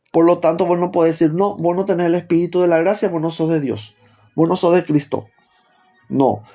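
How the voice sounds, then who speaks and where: A man's voice: high voice, a little mellow. A man with a Rioplatense Spanish accent preaching a teaching sermon, stopping often to put rhetorical questions to his listeners.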